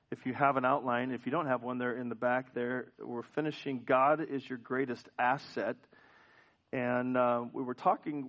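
A male pastor preaching a sermon in a church, asking the congregation questions and often restarting his sentences. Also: mid-range voice. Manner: frequent restarts and repeated words. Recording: dull lo-fi church recording.

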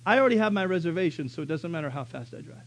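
A man voicing his own dad as a calm, stubborn father lecturing his child. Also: a little high, racing. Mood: matter-of-fact. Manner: matter-of-fact, lecturing.

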